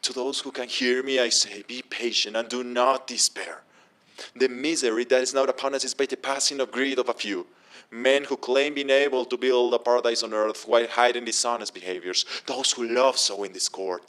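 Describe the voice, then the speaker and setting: Measured man giving an earnest speech. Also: medium pitch, steady tone, fairly bright tone. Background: music.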